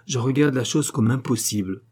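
A man voicing a proud young gentleman who speaks in heated, emphatic bursts, in a read-aloud novel. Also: mid-range voice, moderate pace, breathy edge, natural voice. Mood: indignant. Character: proud young gentleman, hot-tempered and indignant.

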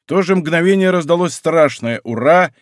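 A man narrating a historical adventure audiobook in an expressive, theatrical way. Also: on the high side, normal speed, no room sound, clean studio sound.

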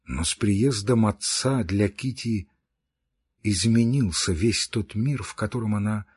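Man narrating an audiobook, calm even reading, kinda husky breathy voice. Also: lowish voice. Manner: steady, measured reading.

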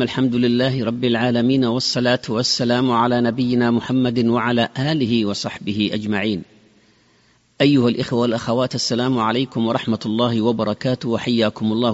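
Fast-talking man presenting in formal standard Arabic. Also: medium pitch. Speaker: radio host. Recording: dull lo-fi sound with long reverb.

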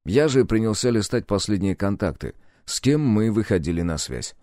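A man narrating an audiobook in an expressive, lively reading. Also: fairly low pitch, normal speed, dry recording, studio quality. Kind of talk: scripted narration.

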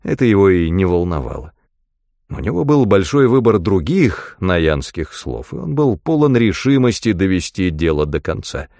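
A man narrating an audiobook in an expressive literary style. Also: low voice, moderate pace, vocal fry, no room sound, studio quality. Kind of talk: audiobook reading.

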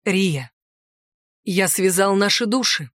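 A woman voicing a possessive, insistent male centaur in an audiobook, speaking low, slow and firm. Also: expressive, no room sound, clean studio sound, lightly acted. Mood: serious.

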